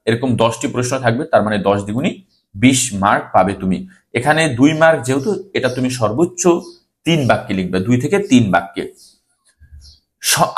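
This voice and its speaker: A man leads an exam-preparation lesson in a Bangladeshi accent and a mid-range voice, reading the questions aloud, instructing students, and going back over key phrases for emphasis.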